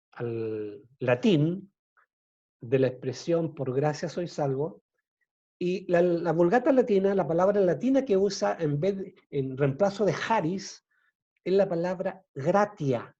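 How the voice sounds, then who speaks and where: A man giving an informal Bible study talk, explaining terms slowly and checking in with his listeners. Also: a little high, mellow, highs cut off. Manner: slow, explanatory, often asks "¿ya?". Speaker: Bible teacher.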